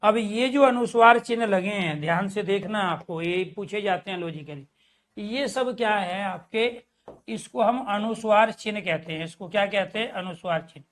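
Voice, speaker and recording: A man's voice: high voice, moderate pace, fairly bright tone. Male grammar teacher, online class. Question-and-answer delivery, friendly direct address to students. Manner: asks the class questions and answers them himself; addresses viewers as dear friends.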